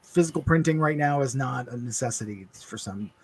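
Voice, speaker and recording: A man co-hosting a livestream, telling a personal story in an earnest, halting way with many restarts. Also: mid-range voice, lively intonation, breathy edge. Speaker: livestream co-host.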